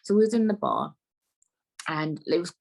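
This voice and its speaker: A woman's voice: lowish voice, huge pitch swings, moderate pace, gravelly, darkish tone, low-quality recording. A woman, hosting a casual solo podcast and chatting in a rambling way, full of asides to her listeners. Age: 20s. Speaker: podcast host.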